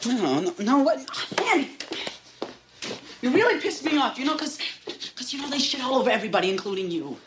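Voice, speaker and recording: A man's voice: extremely high pitch, big pitch swings, brisk, background noise. An actor playing a quirky, lovestruck teenage boy in a film scene, stammering and exasperated. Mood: upset. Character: lovestruck quirky teen boy, hurt and indignant. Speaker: film character.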